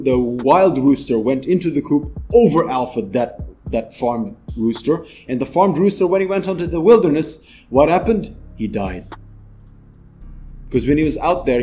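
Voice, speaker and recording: A man's voice: fairly high pitch, animated, moderate pace, dark tone, soft background music. A man from the Philippines, hosting a motivational vlog and giving earnest, big-brotherly advice. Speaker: channel host.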